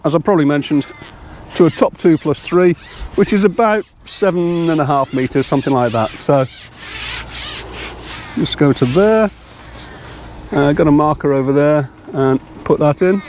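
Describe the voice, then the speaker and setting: A man's voice: on the high side, normal speed, long pauses, darkish tone, a little hiss or hum. An older man chatting casually to camera while fishing outdoors, rambling and self-deprecating. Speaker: angling vlogger. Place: outdoors by a fishing lake in strong wind.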